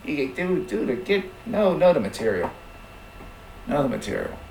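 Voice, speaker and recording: An excitable man speaks up on a panel, punching his points with emphasis. His pitch leaps around a lot, and his voice rings through an echoey room over faint noise. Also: normal speed, vocal fry. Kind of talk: casual panel chat.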